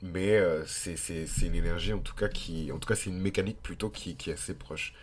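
In a casual, digressive podcast monologue, a French-accented Frenchman explains things while hesitating and thinking aloud. His low voice is brisk with fairly even intonation and a nasal, congested quality from a blocked nose, and there's a little hiss or hum.

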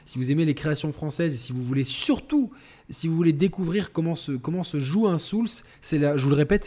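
A man's voice: fairly high pitch, mellow. A man hosting a live game stream, chatting casually with viewers and rambling, with many fillers and restarts. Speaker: gaming channel host.

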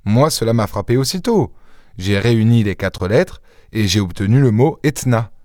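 A man reading an audiobook voices a boastful, witty gentleman thief with theatrical exclamations. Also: fairly low pitch, expressive, normal speed, dry recording, clean studio sound, close to an everyday voice. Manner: theatrical, exclaiming, mock-indignant.

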